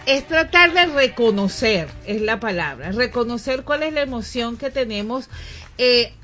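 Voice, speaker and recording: A woman's voice: a little high, expressive, a little slow, fairly bright tone, soft background music. A woman with a Venezuelan accent hosting a radio talk show, speaking thoughtfully, correcting herself and turning to address listeners directly. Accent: Venezuelan Spanish. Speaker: radio host. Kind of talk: casual studio chat. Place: radio studio.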